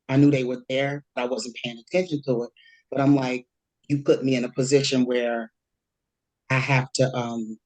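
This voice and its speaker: A woman's voice: rumbling low, a little mellow, poor audio. A woman guest on a podcast, telling a story in a dramatic, slangy way. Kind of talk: casual storytelling.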